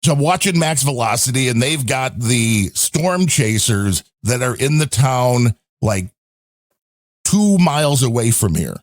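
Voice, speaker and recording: A man's voice: medium pitch, expressive, measured pace. Give me a man with a middle-range voice, talking on a casual chat show, rambling through a story with lots of asides. The sound is dry and close, with no room echo. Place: home in a storm-hit area.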